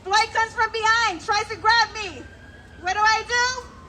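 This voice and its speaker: A woman working as a self-defense instructor, leading a crowd through call-and-response drills with commanding, energetic shouted cues into a handheld mic at an outdoor rally. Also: very high-pitched, unhurried. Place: outdoor rally on a city hall lawn. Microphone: handheld microphone. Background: faint crowd.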